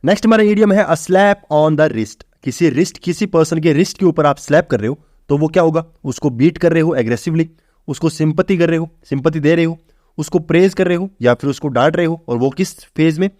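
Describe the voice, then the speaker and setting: Man, vocabulary teacher, informal, asks and answers himself, slightly high voice. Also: fairly quick, darkish tone, dry recording, clean studio sound. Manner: explains step by step, asks and answers own questions; informal, addresses students as bhai. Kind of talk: exam-prep vocabulary lesson.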